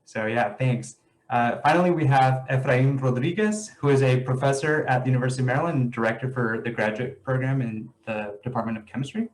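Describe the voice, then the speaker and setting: A man's voice: mid-range voice, brisk, low-quality recording. A man hosts a virtual panel over a video call, thanking each guest and moving things along to the questions. His manner is friendly and loose, with a few fillers. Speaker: panel moderator.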